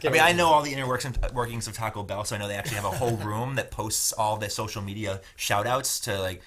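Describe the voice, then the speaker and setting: A man in his thirties from New England, a band drummer chatting as a guest in a relaxed, rambling way. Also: lowish voice, fast. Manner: relaxed, rambling, many "you know" fillers. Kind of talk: casual interview chat.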